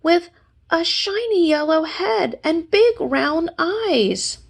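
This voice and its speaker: A woman's voice: very high-pitched, expressive, slow pace, gravelly, pitched above the performer's own voice, exaggerated voice. A woman voicing a small, timid piglet who speaks in an anxious, earnest way for a storybook. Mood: startled. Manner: nervous, stammering when startled.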